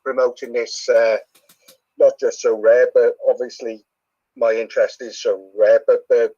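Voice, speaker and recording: A man's voice: medium pitch, flat delivery, measured pace, warm tone, dry recording, lo-fi sound. A middle-aged man with a thick Yorkshire accent, chatting casually as a podcast guest. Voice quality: thick broad regional accent. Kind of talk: casual chat.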